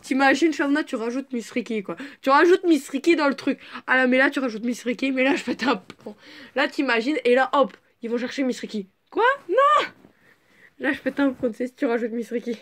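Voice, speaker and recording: Brief: woman, slightly high voice, casual fan-story reading at home, chatty and excitable, swears a lot. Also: a little fast, slight background noise. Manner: excitable, swears freely, breaks off to joke and shout. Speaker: reader of a fan fiction.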